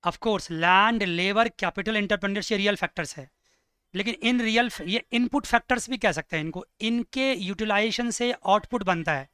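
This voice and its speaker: A male teacher gives an economics lecture in a crisp, clear voice, pitched high for a man. He keeps asking the class questions and slows down to dictate notes. The recording is dry and close. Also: no room sound. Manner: lively, asks students questions.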